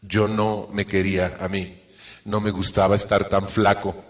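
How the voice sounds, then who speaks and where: Low-voiced man lecturing in an echoey hall. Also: flat delivery, a little slow. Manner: earnest, checks in with rhetorical questions. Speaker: self-help speaker. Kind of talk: motivational talk to a live audience.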